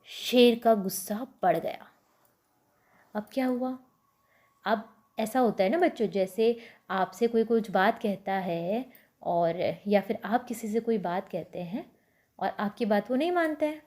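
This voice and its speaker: Slow-spoken woman teacher explaining a story. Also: mid-range voice, darkish tone. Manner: patient, explains and asks questions. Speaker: primary school teacher. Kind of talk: storybook lesson for children.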